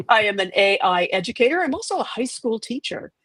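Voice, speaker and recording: A woman's voice: fairly high pitch, sing-song, fairly quick, a bit bright, a little hiss or hum. A woman with an upstate New York accent, casually introducing herself as a guest on a live panel. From upstate New York, USA. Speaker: panel guest, AI educator and teacher.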